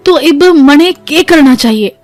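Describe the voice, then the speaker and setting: A woman's voice: high voice, expressive, measured pace, soft background music. A woman voicing a naive, anxious young village wife with a Haryanvi accent, asking worried questions.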